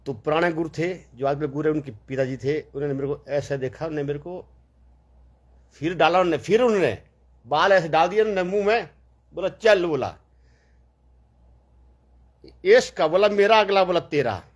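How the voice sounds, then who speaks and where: A man tells a story in a relaxed, wandering way, stopping for fillers and acting out what others said. His voice sits a little high and sounds husky. He talks casually, as if chatting with friends. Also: brisk. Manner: rambling, full of fillers and quoted dialogue.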